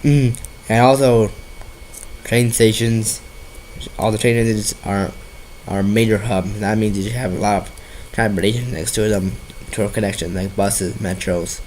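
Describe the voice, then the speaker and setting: A man's voice: on the low side, fairly even intonation, a little mellow, slight background noise, low-quality recording. Nasal man with a head cold. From Washington State, US. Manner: rambling, halting, often restarts sentences. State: bad cold. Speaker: video creator. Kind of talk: casual gameplay commentary.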